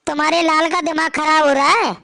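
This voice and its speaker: A woman's voice: high voice, steady tone, brisk, bright, forceful tone, no room sound, clean studio sound. A woman voicing an older father-in-law who lectures firmly and protects his daughter-in-law. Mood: stern. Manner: firm and lecturing.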